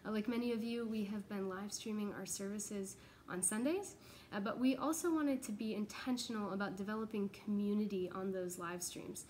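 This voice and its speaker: A young American pastoral associate speaks at a moderate pace in a mid-range, darkish-toned voice. She gives an informal video update for her church, earnest and explanatory. There's slight background noise from the large open office with exposed ductwork.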